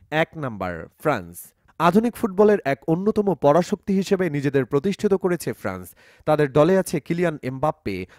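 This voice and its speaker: Lively, dramatic male sports narrator. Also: fairly high pitch, dry recording, studio quality. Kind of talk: scripted sports countdown voice-over.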